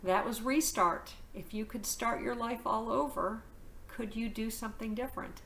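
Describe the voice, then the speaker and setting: Bright-voiced woman reading a novel aloud. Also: on the high side, normal speed, a little hiss or hum. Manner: lively, expressive storytelling.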